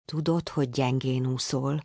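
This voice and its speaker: A woman's voice: extremely low pitch, fairly even intonation, dark tone, no echo, clean studio sound, pitched below the performer's own voice. A woman voicing an anxious, overprotective father clownfish in a storybook reading, pleading and fretful. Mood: worried.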